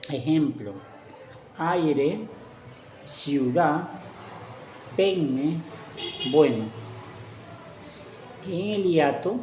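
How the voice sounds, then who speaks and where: A woman teacher gives a grammar lesson at a very slow, deliberate pace, spelling out each example word on its own. Her voice sits at a middle pitch and carries an echo off the room's walls, with a faint hum of ambience behind her. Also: dark tone.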